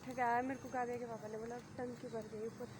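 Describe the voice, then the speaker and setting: A young woman with a Himachali accent, chatting softly and quietly in a casual vlog, recorded outdoors on a phone with no mic. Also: on the high side, flat delivery, a little fast, background noise. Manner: soft-spoken, quiet voice. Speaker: vlogger. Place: outdoors at home, village. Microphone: phone camera, no mic.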